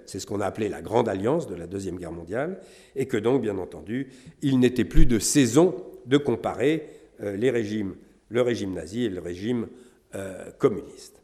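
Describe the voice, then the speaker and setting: A middle-aged man from France giving a measured academic lecture, pausing often with fillers. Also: fairly low pitch, warm tone. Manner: measured, many hesitations with euh and hein. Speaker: historian lecturer.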